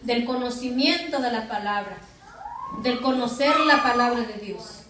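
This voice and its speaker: High-voiced woman pastor preaching in an echoey church. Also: a little slow, a bit bright, recorded from a distance, slight background noise. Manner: preaching with rhetorical questions to the congregation. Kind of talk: sermon. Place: church hall.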